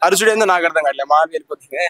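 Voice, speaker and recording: A man giving a rambling, animated street opinion on a reality show. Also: on the high side, no room sound. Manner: rambling, talks fast, jumps between topics. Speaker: street interviewee.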